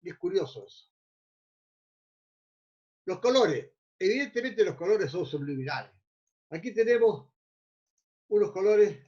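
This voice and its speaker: A man teaches a class, his voice pitched rather high. He lectures in a loose, wandering way and stumbles over repeated words while he hunts for the next phrase. The recording sounds muffled and lo-fi. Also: sing-song, measured pace, pauses often, darkish tone. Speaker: mindfulness teacher.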